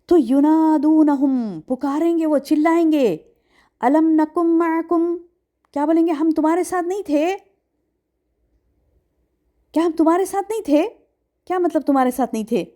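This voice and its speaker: A woman's voice: sits high, long pauses. A woman teacher giving a religious lecture. She recites Arabic verses, explains them line by line and keeps asking her class questions. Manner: animated, acts out quotes. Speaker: Quran teacher.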